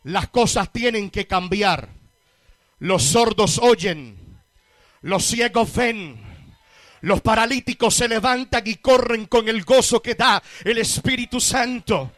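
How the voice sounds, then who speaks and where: A guest preacher from Puerto Rico delivers a sermon to a large congregation in a very high-pitched, slightly bright voice at a slow pace. He is emphatic, builds on repeated phrases and addresses listeners directly. The recording is dry and close, with little room sound.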